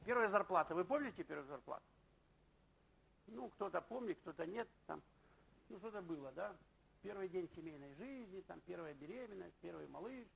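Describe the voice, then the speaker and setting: A middle-aged man, a pastor, preaching in a loose conversational way, telling personal stories and checking in with the congregation with quick questions. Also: high voice, gravelly, husky, poor audio. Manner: anecdotal, keeps asking the congregation "right?". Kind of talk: conversational sermon.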